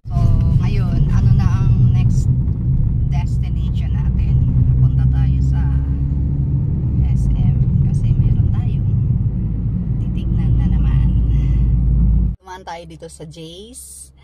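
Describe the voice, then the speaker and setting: A middle-aged Filipino woman records a casual vlog on a phone held out at arm's length. Her voice sits low and her delivery is unhurried and chatty, with easy laughs. Loud background noise from traffic and the outdoors runs underneath. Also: dull audio. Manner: chatty, laughs easily, mixes Tagalog and English. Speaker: vlogger. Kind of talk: casual travel vlog chat. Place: outdoor garden restaurant, then inside a car.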